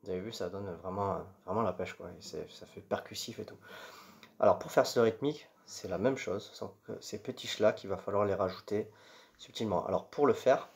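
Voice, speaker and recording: Low-voiced guitar teacher. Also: male voice, a little fast, creaky. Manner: patient, step-by-step, sings strum patterns with syllables. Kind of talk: casual guitar tutorial. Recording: guitar playing loud behind speech. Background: acoustic guitar.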